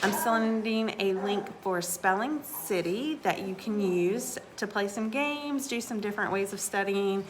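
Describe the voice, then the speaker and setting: A woman teaching a recorded lesson to second graders, patient and encouraging. She sounds out words slowly so small children can follow along, and her pitch sits in the middle. A faint hiss of background noise lies under her voice. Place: indoors, hanging out away from classroom.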